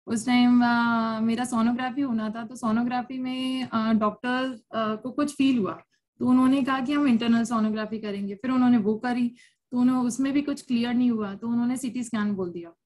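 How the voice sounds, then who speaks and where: Candid, chatty woman with a higher voice. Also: steady tone, brisk, a little mellow. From India. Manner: chatty, candid storytelling with frequent laughs. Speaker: cancer survivor sharing her story. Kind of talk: personal testimony at a support circle. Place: room with a seated audience.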